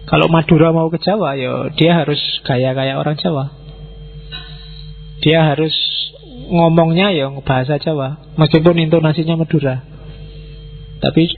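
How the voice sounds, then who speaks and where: A man's voice: on the high side, creaky, a little hiss or hum. A man giving an informal philosophy lecture, talking conversationally and putting questions straight to his listeners. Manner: conversational, mixes in Javanese words, asks listeners directly. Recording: tinny phone-like recording with faint music.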